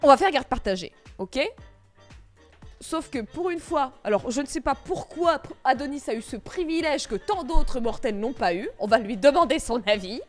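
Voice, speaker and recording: A woman with a slightly high voice retells a myth in loose, slangy streamer talk. She keeps breaking off for jokes and side comments, and faint music plays behind her. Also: lively intonation, moderate pace, few pauses. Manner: slangy, jokey asides, frequent laughs. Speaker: streamer storyteller.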